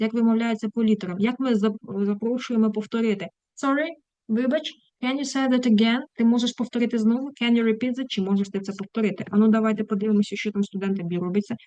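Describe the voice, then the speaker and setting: Chatty and affectionate, this English teacher runs a casual online lesson, interrupting herself mid-thought to address her students with fond asides. Her voice is on the high side and a little mellow, with no echo.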